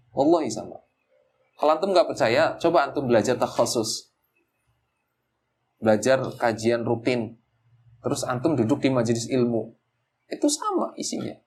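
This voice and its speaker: Animated male study-circle teacher, higher pitch, mimics listeners, light background hiss. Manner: animated, acts out listeners' reactions in quoted asides. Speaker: Islamic teacher. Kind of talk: religious study circle talk. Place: community study gathering in a housing estate.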